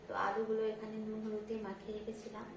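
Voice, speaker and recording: A woman's voice: medium pitch, completely flat delivery, very fast, echoey room, very noisy. A young woman, a mother and home vlogger, chatting casually to viewers about her daily routine at home. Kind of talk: casual vlog narration. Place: home kitchen, indoors.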